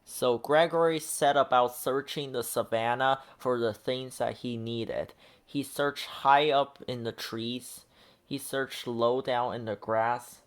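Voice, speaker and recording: A medium-pitched male voice carries a children's picture book reading, paced deliberately and full of storytelling expression.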